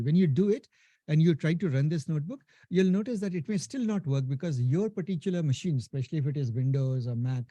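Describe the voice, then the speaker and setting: A man from India and Nepal, with a thick Indian accent, gives a casual live technical lecture, calling the class "guys," tagging lines with "right?" and often restarting sentences. His voice is fairly high with a dark tone, recorded without echo.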